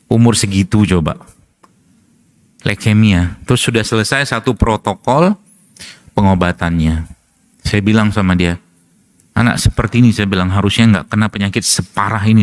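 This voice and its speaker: A man's voice: lowish voice, normal speed, long pauses. A middle-aged man, a preacher and doctor, gives a casual religious talk full of anecdotes, chuckling often and asking rhetorical questions. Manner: chatty storyteller, laughs often, asks rhetorical questions.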